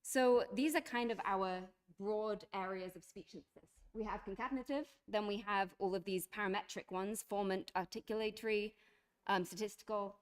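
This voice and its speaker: A woman's voice: medium pitch, steady tone, moderate pace. Woman teaching a lecture, lots of ums and restarts, explaining step by step. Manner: explanatory, frequent fillers and restarts. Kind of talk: university lecture.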